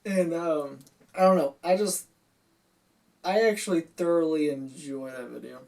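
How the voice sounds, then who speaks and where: A man's voice: fairly high pitch, a little slow, gravelly, a little mellow. Rambling young man, a bit distant. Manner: rambling, repeats himself. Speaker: co-host. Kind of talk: casual chat.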